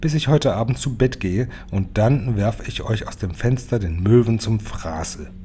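A man's voice: lowish voice, a little slow, dark tone, breathy edge. A man voicing a cruel, commanding female witch queen in a storybook reading, snappish and imperious. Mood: gloating.

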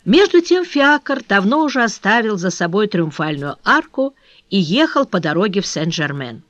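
An audiobook narrator reading a classic novel in an even, measured storytelling manner. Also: medium pitch, no room sound, dull audio. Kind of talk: scripted literary narration.

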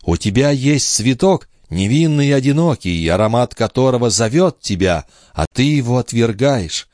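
A man voicing Lorenza, a passionate, sorrowful young clairvoyant wife, in a high, imploring, tearful tone in an audiobook reading. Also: animated, moderate pace, darkish tone, no echo, studio quality, lightly acted. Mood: pleading.

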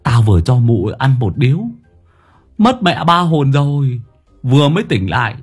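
A man's voice: medium pitch, sing-song, takes it slowly, husky, soft background music, heavily acted. A man voicing a middle-aged male thug who stammers frantically. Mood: panicked.

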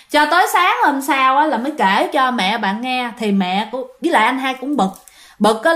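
A woman's voice: fairly high pitch, fairly bright tone. Chatty woman storyteller. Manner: chatty, addresses listeners directly. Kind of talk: casual ghost story narration.

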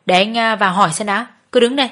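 A woman voicing a male brothel boss who speaks calmly and firmly. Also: mid-range voice, quick pace, close to an everyday voice. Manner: calm, firm.

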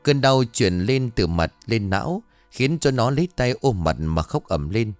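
A man reading an audio story aloud in an expressive, dramatic narration style. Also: medium pitch, unhurried, no echo, soft background music.

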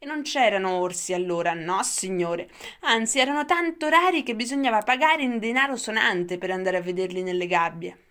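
A woman voicing a frail, querulous old grandfather in a storybook reading, in a thin, wavering falsetto. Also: fairly quick, fairly bright tone, natural voice. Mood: nostalgic. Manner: shrill, rambling, grumbling.

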